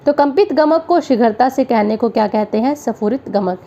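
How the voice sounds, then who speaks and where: A woman's voice: fairly high pitch, moderate pace, warm tone, lo-fi sound. Woman teacher quizzing with rhetorical questions. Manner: explains with rhetorical questions, then answers them; sings out note syllables as examples. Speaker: music theory teacher. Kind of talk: exam-prep lecture.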